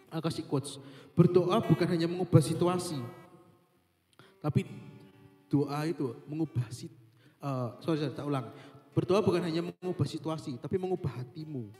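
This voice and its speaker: A young man gives a relaxed devotional talk, chatty and informal. His voice is slightly high but mellow. It rings in a roomy church hall with a long echo, and soft guitar plays underneath. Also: moderate pace, pauses often. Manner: chatty, mixes in English phrases, repeats "kayak gitu". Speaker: youth devotional speaker. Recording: echoey hall with faint guitar.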